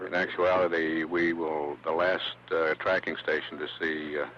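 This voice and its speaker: Super low flat male announcer, halting mission updates, forceful tone, dull old feed with faint hum. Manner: halting, measured delivery. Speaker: mission control public affairs announcer. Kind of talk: live spaceflight status commentary.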